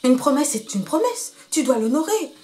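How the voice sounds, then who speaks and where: A woman voicing a small, brave male monkey who insists in a high, quick voice. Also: sing-song, darkish tone. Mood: indignant. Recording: music playing behind.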